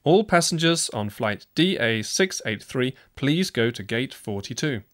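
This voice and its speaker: Male announcer, mid pitch, formal and clear, reads airport notices. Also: animated, measured pace, fairly bright tone. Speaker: announcer in a listening exercise.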